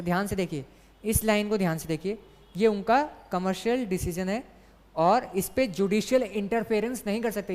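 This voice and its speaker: A woman's voice: medium pitch, a little mellow. A woman teaching an online exam class, explaining step by step and asking and answering her own questions. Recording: long hall reverb.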